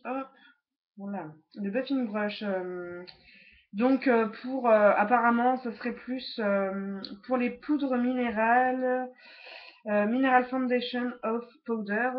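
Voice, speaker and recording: A woman's voice: medium pitch, lo-fi sound. A woman casually reviewing makeup brushes, hesitant and chatty with many fillers, recorded at home on a laptop webcam. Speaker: beauty vlogger.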